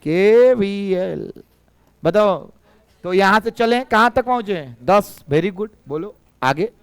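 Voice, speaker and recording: A male physics teacher with a Bihari Hindi accent, a little hoarse, teasing and coaxing his students to answer in a live classroom lecture. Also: high-pitched, expressive, takes it slowly, no room sound.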